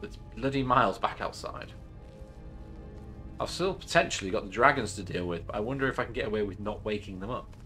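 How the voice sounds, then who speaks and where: A man's voice: fairly low pitch, lively intonation, fairly quick, sharp tone, faint music behind. A man casually commenting while playing a game, chatty and swearing as he thinks aloud. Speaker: streamer.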